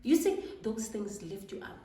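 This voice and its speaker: A woman's voice: a little high, very animated, normal speed, warm tone. Emphatic South African woman, roomy and distant. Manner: emphatic, preachy, mixing in Zulu phrases. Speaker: motivational vlogger. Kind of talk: motivational talk to camera.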